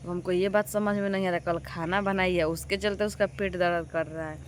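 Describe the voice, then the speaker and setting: A woman's voice: lowish voice, steady tone, a little fast, slight background noise. A young woman from Bihar, telling a story to her viewers in a casual vlog and complaining in exasperation. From Bihar, India. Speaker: vlogger. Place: doorway of a village house, outdoors.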